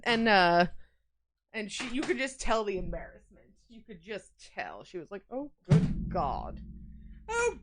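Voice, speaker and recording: A high-pitched woman with a Long Island accent talks to her viewers as she bakes. She chats casually, greets people by name and wanders into rambling asides between steps. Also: fairly bright tone. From New York. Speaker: livestreamer baking on stream. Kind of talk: casual chat while baking.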